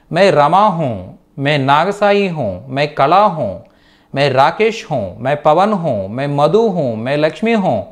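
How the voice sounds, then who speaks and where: A man with a Telugu accent teaching Hindi in a live online class. He repeats each word slowly and reads out his students' names with praise. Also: a little high. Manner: slow, repeats words for learners to copy.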